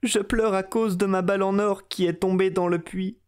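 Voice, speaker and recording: A man voicing a spoiled, tearful young princess in a storybook reading, raising his voice high and loud. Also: fairly even intonation, normal speed, smooth, lightly acted. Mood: pleading.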